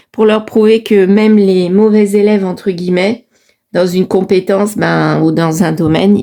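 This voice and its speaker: A woman's voice: medium pitch, dark tone. A middle-aged woman doing a casual card reading, chatty and thinking aloud with many fillers. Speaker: tarot card reader.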